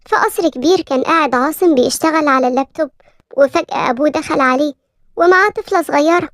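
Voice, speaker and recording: An Egyptian woman reads a cartoon story at a rapid clip, brisk and even. Her voice is high and the sound is close and dry. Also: dry recording. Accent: Egyptian Arabic. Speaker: narrator. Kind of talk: scripted story narration.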